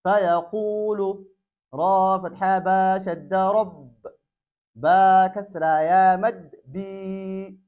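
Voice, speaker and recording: A Quran teacher with a high male voice takes his lesson slowly and carefully, sounding out each letter before joining syllables into words. His intonation stays fairly even and his tone is a little mellow. The audio is dull and lo-fi.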